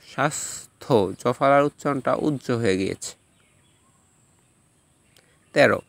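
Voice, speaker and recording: A man teaching a recorded lesson, reading out rules and repeating example words slowly and carefully. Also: medium pitch, smooth, no echo. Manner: slow, drawn-out repetition of example words.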